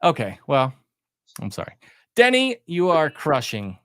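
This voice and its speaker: A man's voice: on the high side, wildly swooping pitch, measured pace, a bit bright, clear, resonant tone, no echo, studio quality. A man hosting a live stream, chatting casually and laughing at himself. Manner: laid-back, self-mocking, laughs often. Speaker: stream host.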